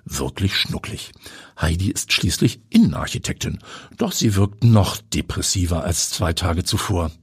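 Husky, breathy male audiobook narrator. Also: deep voice, lively intonation, measured pace, no echo, clean studio sound. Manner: suspenseful, sometimes dropping to a whisper. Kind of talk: scripted narration.

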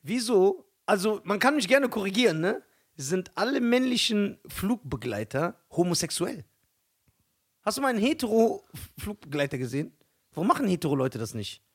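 Joking young man with a high voice. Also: very animated, moderate pace, slightly rough. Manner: joking, laughs often, banter. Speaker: podcast co-host. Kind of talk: casual chat.

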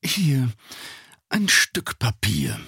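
A man voicing a cold, sinister gentleman with a cane in an audiobook reading, talking in an icy, clipped, commanding way. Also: medium pitch, huge pitch swings, extremely slow, husky, no room sound, studio quality, full character voice.

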